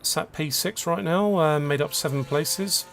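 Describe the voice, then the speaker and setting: A man's voice: a little high, unhurried, gravelly, a bit bright, a little hiss or hum. A man giving casual, chatty commentary on an online racing league, calling positions and penalties. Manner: chatty, laughs along, lists penalties. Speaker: race commentator.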